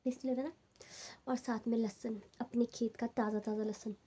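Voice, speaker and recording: A woman's voice: a little high, flat delivery, a little fast, warm tone, husky. A young woman with a head cold, chatting casually to viewers as a family vlogger at home. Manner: chatty, talks straight to viewers. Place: home, indoors.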